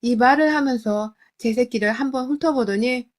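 A woman tells a scripted first-person family story in an emotional, confiding manner. Her voice sits a little high for a woman. The delivery stays close and storyteller-like. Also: moderate pace. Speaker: story narrator. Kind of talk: scripted dramatic storytelling narration.

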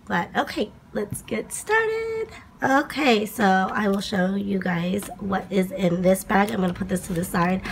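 Young woman, hoarse from a cold, gravelly, chatty haul vlog, faint hiss. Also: medium pitch. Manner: chatty, many fillers. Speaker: planner vlogger. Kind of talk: casual haul video.

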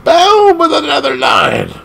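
Playing an arcade game, this gaming channel host chats casually at a measured pace in a creaky voice. He gets excited and laughs often, swinging between squeaky highs and low growls.

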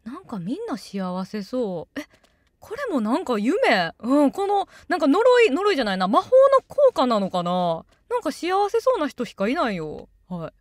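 A woman's voice: high-pitched, huge pitch swings, moderate pace, no echo, studio quality. A woman doing casual let's-play commentary and reading along with the game. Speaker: game streamer.

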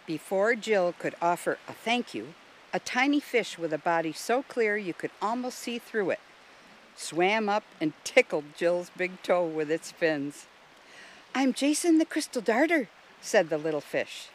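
A woman volunteer reading a children's storybook aloud in a gentle, expressive way. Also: lowish voice, a little slow, a little hiss or hum, poor audio. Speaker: volunteer narrator.

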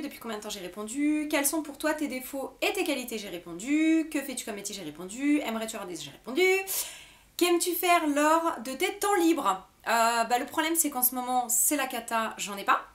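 A woman's voice: on the high side, fairly bright tone. Chatty French-speaking young woman vlogger. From France. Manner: chatty, giggly, many fillers. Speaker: beauty vlogger. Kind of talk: casual FAQ chat to camera.

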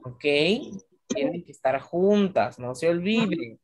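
A primary school teacher with a lowish, dark, animated voice, recorded with no echo, teaches a class of young children. She patiently explains rules step by step, stretching words out slowly as she quizzes her pupils.

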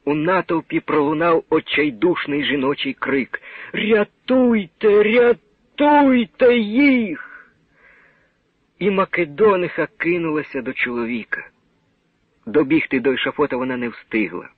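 A man giving a grave, measured dramatic reading of a novel as narrator. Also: a little high, breathy edge, no echo. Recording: narrow old radio broadcast sound.

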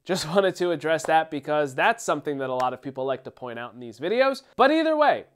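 A man's voice: on the high side, very animated, fast, clean tone. Upbeat Philly-accented man explaining gear. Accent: Philadelphia. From Philadelphia, USA. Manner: upbeat, explanatory, detail-heavy. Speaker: drum channel host. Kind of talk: casual product demo talk.

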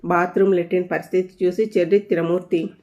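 A woman storyteller narrating a story with lively, playful storytelling. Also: on the low side, fast talker. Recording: dull lo-fi audio.

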